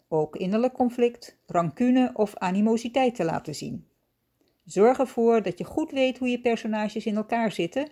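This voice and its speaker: A woman hosting a writing-tips podcast, reading a scripted lesson in a calm, measured, instructive way. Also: mid-range voice.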